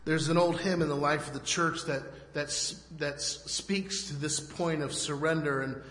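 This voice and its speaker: A man preaching a sermon in short phrases, pausing so an interpreter can translate. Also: a little high, fairly even intonation, fairly bright tone. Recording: echoey hall with long reverb.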